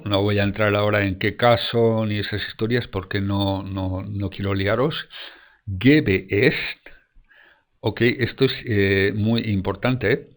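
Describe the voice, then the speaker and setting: A man's voice: fairly low pitch, a bit bright. A man teaching German grammar in Spanish, explaining step by step and checking in often with the class. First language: French.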